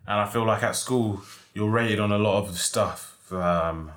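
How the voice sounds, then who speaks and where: A man's voice: on the low side, unhurried, fairly bright tone. A young man with a London roadman accent, chatting casually in emphatic slang and repeating himself for effect. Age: young adult. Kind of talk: casual podcast banter. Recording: echoey, roomy sound.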